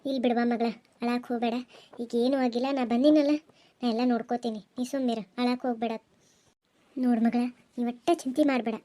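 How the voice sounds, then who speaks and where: A woman voicing a stern, protective middle-aged village aunt who scolds loudly, with a North Karnataka Kannada accent. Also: fairly high pitch, steady tone, quick pace, lightly acted. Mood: scolding. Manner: scolding, threatening, loud.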